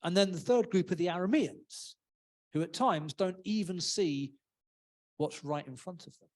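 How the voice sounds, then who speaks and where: A man's voice: high voice, moderate pace, darkish tone. A man giving a casual, humorous sermon in a church, often acting out voices. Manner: chatty, humorous, acts out voices. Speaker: preacher.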